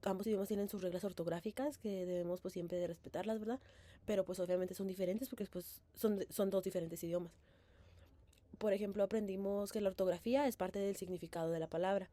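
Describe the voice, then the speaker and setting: A woman's voice: mid-range voice, steady tone, quick pace, warm tone. A young woman recaps what she learned in a class presentation. She hesitates, corrects herself often and keeps tagging her sentences with a questioning "right?". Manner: hesitant, many fillers and self-corrections. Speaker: bilingual education student presenting.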